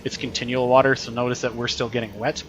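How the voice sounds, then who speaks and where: A man talking through a video game as a teacher, chatty and explanatory, thinking aloud as he plays. His voice sits in a middle pitch, with faint room noise behind him. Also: level tone, fast. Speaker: teacher streaming gameplay. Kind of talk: casual gameplay commentary.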